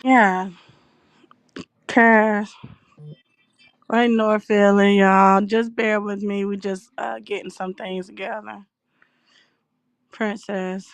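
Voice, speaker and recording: A woman's voice: medium pitch, level tone, takes it slowly, pauses often, no echo. A woman hosting a casual livestream, heated and swearing as she greets her viewers by name. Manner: heated and profane, reading out shout-outs to viewers. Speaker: livestream host.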